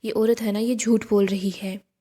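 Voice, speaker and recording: A woman's voice: mid-range voice, little pitch movement, normal speed, mellow, natural voice. A woman voicing a wronged, honest middle-aged woman who pleads earnestly in a story recap. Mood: pleading.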